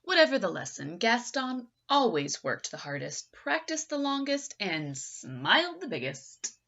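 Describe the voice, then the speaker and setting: Female storybook reader: highish voice, swooping theatrical delivery aimed at young listeners, slightly dull sound. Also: big pitch swings, a little slow, creaky, fairly bright tone. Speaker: picture book reader. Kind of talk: expressive children's story read-aloud.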